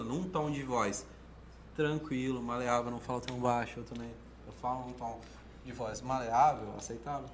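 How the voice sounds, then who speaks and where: A man's voice: mid-range voice, slight background noise. A man with a Brazilian Portuguese accent, an oratory teacher talking casually and acting out quoted thoughts, with many restarts. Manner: animated, acts out quoted thoughts, restarts often. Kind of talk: casual coaching talk.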